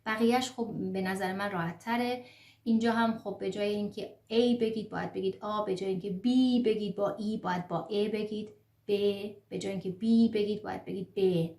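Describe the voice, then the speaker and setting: A woman teaching an online language lesson, pronouncing letters one by one slowly and carefully, with small fillers as she explains. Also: medium pitch, steady tone, gravelly, a little mellow, roomy sound. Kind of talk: online lesson on the German alphabet.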